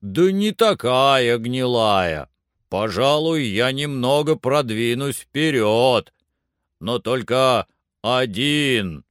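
A man voicing a cautious, grumbling old servant in an audiobook, slow and plaintive. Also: medium pitch, expressive, a bit bright, smooth, dry recording, clean studio sound. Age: older. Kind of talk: audiobook character voice.

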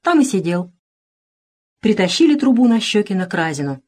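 Женщина-рассказчица исторического сказа. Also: female voice, mid-range voice, big pitch swings, a little mellow. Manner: dramatic, measured storytelling. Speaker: storyteller. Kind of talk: scripted narration of a historical tale.

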